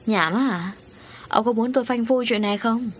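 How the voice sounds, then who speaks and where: Woman doing a shrill jealous rich wife. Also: moderate pace, a little hiss or hum, close to an everyday voice. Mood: jealous accusing. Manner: shrill, accusing and sneering. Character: jealous, vicious middle-aged rich wife.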